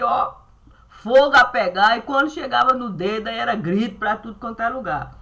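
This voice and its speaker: A Brazilian woman with a bright, forceful voice rambles through a spiritual monologue into her webcam. She meanders and repeats phrases over and over, speaking to God as she goes. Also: fairly high pitch. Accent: Brazilian Portuguese. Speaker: vlogger.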